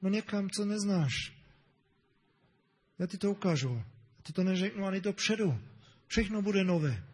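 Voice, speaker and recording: A man's voice: high-pitched, expressive, long pauses, darkish tone, husky, long reverb tail, pitched above the performer's own voice. A man voicing God in a retold scripture scene, plain and assuring. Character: God calling a man to journey.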